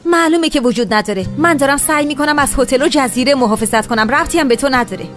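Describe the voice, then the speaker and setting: A woman doing an earnest, pleading young heroine. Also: sits high. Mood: curt. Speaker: young woman in a dubbed TV drama. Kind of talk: dubbed TV drama acting. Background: loud background music.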